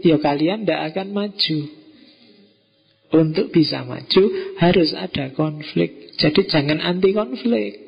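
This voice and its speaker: Gravelly Javanese-accented man lecturing. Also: a little high. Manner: folksy, joking asides, mixes in local words. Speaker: philosophy lecturer. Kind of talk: relaxed philosophy lecture. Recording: muffled lo-fi recording.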